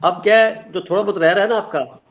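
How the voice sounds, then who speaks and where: A man's voice: high-pitched, fairly quick. A middle-aged man teaching a spiritual class, explaining earnestly with everyday examples and sayings. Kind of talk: online class talk. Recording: dull lo-fi sound.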